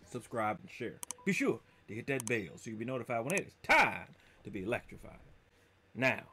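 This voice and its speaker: A man in his thirties hosting a casual, slangy reaction video at home, talking about himself in the third person. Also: mid-range voice. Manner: slangy and excitable. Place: small room at home.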